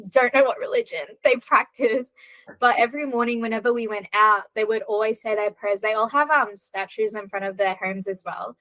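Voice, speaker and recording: An Australian woman with a medium-pitched, slightly bright voice speaks as a guest on a casual podcast, where she works as a content creator. She sounds earnest and reflective, using lots of fillers. The recording is rough but has no echo.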